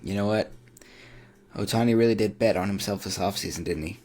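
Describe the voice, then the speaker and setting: A man's voice: on the low side, fairly quick, a little mellow. A man hosting a casual baseball podcast, joking as he rattles off player names. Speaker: podcast host. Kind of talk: casual sports podcast chat.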